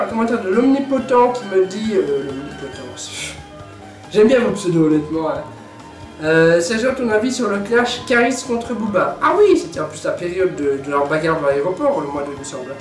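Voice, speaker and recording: Young male vlogger, high voice, joking chatter, roomy sound with faint music underneath. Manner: chatty, jokey, repeats words. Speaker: YouTuber reviewing his own videos. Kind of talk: casual vlog chat.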